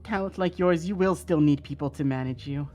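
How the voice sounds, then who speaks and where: A game master voicing a smarmy, pushy parent who flatters and insists in a tabletop game. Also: mid-range voice, brisk, soft background music, close to an everyday voice.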